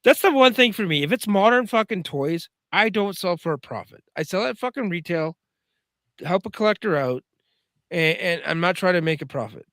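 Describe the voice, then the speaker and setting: A man hosting a podcast, telling stories in a loose, profane, animated way. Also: sits high, fairly quick, no echo, studio quality. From Canada. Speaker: podcast host. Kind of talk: casual chat.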